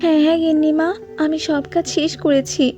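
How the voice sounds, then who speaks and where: A woman voicing a poor young mother and maid in a cartoon, gentle and pleading. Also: high voice, level tone, a little fast, muffled recording, faint music behind, close to an everyday voice. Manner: pleading, tearful. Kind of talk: cartoon voice acting.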